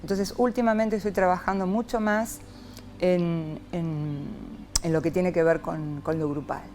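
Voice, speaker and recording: A woman's voice: on the low side, measured pace. A woman from Argentina, a psychologist talking expressively as an interview guest. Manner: expressive, lively, frequent rhetorical "¿no?". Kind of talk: reflective interview talk.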